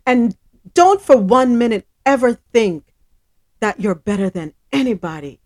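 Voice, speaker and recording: A woman's voice: a little high, unhurried, no echo. A woman hosts a live news talk show, her voice rising and falling a lot as she speaks. She talks expressively, moving from encouragement into reading headlines. The sound is dry, with no room around it. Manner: expressive, preachy, out of breath at first. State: out of breath. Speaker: radio show host.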